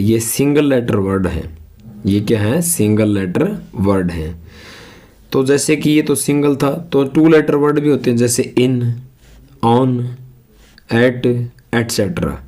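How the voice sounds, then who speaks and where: A man with a Hindi accent teaches a beginners' English class at an unhurried pace. His voice sits low and sounds mellow and dark. He spells words out letter by letter and keeps asking rhetorical questions. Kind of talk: classroom lesson explaining English words and sentences.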